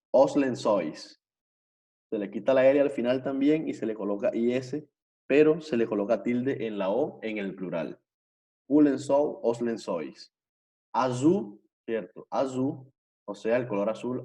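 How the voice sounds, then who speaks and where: A man's voice: medium pitch, dark tone. A male teacher giving an online language lesson, explaining patiently, repeating himself and often checking that students follow. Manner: patient, repetitive, checks understanding with frequent tag questions. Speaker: Portuguese teacher.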